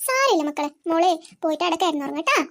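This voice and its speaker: A performer voicing a calm older mother in a cartoon, reassuring her daughter. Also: full character voice. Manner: low, slow, reassuring.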